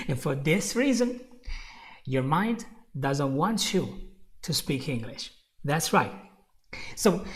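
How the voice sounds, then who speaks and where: In an encouraging live English lesson online, a young man whose first language is Italian speaks with an Italian accent and a slightly high voice. He repeats phrases and talks directly to those watching.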